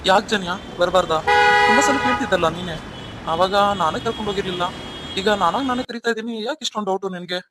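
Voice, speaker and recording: A man's voice: high voice, fast, very noisy, lightly acted. A man voicing a remorseful young husband in a cartoon story, coaxing and pleading with his wife. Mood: teasing.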